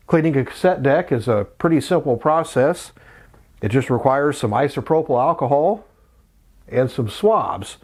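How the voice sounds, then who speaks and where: A middle-aged man with a medium-pitched, somewhat dark voice hosts a vintage electronics tutorial channel. He walks through a casual how-to step by step, explaining everything plainly while music plays behind him.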